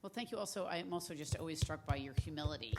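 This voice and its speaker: A woman's voice: sits low, racing, heavy background noise. A woman moderating a panel discussion, speaking conversationally with frequent fillers.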